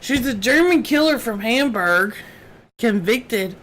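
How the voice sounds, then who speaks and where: A woman's voice: a little high, expressive, slow pace, a bit bright. A woman hosting a casual true crime vlog, loose and giggly, with swearing and offhand asides.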